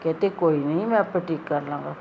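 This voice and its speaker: A woman's voice: low voice, brisk, creaky, muffled recording, a little hiss or hum. A middle-aged woman earnestly retelling a spiritual experience, pleading as she quotes the people in it. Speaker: devotee sharing a spiritual experience. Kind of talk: storytelling testimony.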